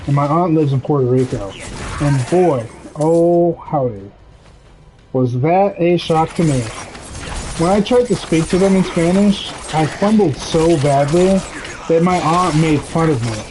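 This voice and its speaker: A gaming streamer chats candidly while playing, rambling through personal stories with laughs and the occasional swear, and English is his first language. His voice is a little high, a bit slow, and slightly mellow. The rough recording has slight background noise, with game sounds behind him.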